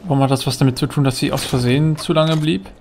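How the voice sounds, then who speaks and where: Gravelly guy rambling over his game, casual let's play talk, slight hiss. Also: on the high side, quick pace, a little mellow. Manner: chatty, muttering, thinking aloud. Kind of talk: casual gameplay commentary.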